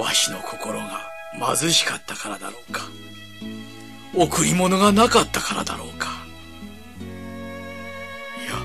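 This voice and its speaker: An actor playing a humble, devout old cobbler who muses aloud to himself in a radio drama. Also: male voice, medium pitch, creaky. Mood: forlorn.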